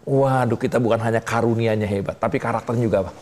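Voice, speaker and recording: Animated man preaching in a reverberant hall. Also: slight background noise. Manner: keeps asking the audience "betul tidak?" and pausing for answers; animated, swings between high exclamations and low asides. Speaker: preacher teaching a discipleship class. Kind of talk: lively sermon with call-and-response questions.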